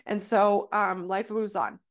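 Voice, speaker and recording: A woman's voice: mid-range voice, steady tone, a little slow. A woman hosting a parenting podcast, explaining in a casual teaching way with many "right?" check-ins, her voice stuffy and nasal from a cold.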